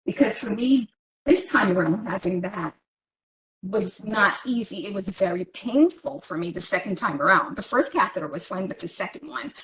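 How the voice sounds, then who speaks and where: A woman's voice: medium pitch, expressive, normal speed, fairly bright tone. A woman patient giving earnest advice in a webinar, her voice coming through a choppy, breaking-up online call. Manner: earnest, advising. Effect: choppy, breaking-up online call audio. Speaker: patient speaker. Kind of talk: webinar presentation. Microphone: remote call microphone, too far off. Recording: dull, lo-fi call audio that breaks up.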